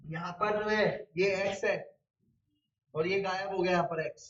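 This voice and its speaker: A man's voice: high voice, fairly even intonation, normal speed, a bit bright. A man teaching a biology lecture who keeps asking the class questions and answering them himself, using everyday examples. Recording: roomy, distant and dull-toned.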